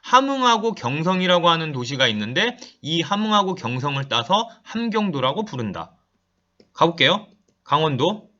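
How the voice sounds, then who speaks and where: A lively male teacher with a fairly high, bright voice that swings up and down as he explains a map to his class. He chats with his students and thinks aloud while he draws. The audio is dull and lo-fi. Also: moderate pace. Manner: chatty, addresses students directly, thinks aloud while drawing. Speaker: high school geography teacher. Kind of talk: online lecture while drawing a map.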